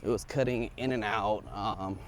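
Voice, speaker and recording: A fairly low-pitched man speaks at a moderate pace in a steady tone, with a little hiss or hum present. He's a vlogger testing audio gear, chatting and thinking aloud in an unscripted, casual vlog while walking up a residential street outdoors, his wireless lavalier clipped to his shirt.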